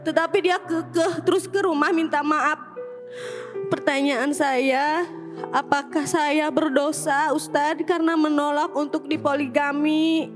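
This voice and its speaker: A woman's voice: high-pitched, fairly even intonation, unhurried. A woman caller tells a painful personal story and earnestly pleads for a preacher's advice. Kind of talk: emotional personal account and question. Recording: music playing under the voice. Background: background music.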